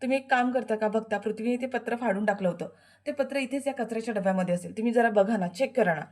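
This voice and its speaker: A woman's voice: fairly high pitch, fast, a little mellow, close to an everyday voice. A woman voicing a distressed young wife from a serial who pleads earnestly that she is telling the truth. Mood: pleading.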